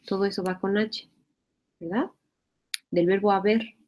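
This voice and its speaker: A woman explains spelling rules in a mellow, relaxed voice. She repeats her points and keeps checking that the student is following. A faint noise sits under the recording. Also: medium pitch, unhurried. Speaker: teacher. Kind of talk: spelling lesson.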